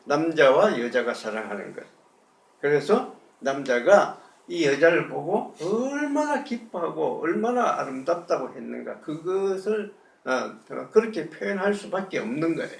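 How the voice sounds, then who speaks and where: A man's voice: fairly high pitch, very animated, normal speed, creaky, roomy sound, far from the mic. A male pastor giving a conversational sermon, asking the congregation rhetorical questions. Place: church sanctuary.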